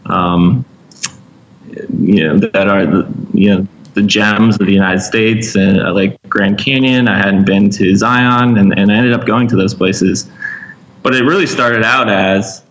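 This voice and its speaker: A man with a low voice answers interview questions, pausing and circling his thoughts before landing them. He grew up in Vermont, and the recording sounds dull and lo-fi. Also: fairly even intonation, a bit bright, a little hiss or hum. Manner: hesitant, thoughtful, many fillers. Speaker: guest. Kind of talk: casual interview chat.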